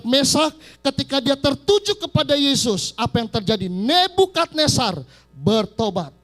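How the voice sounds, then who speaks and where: A male pastor preaching a live church sermon, emphatic and constantly addressing his congregation as brothers and sisters. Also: high-pitched. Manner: acts out quoted voices. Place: church service.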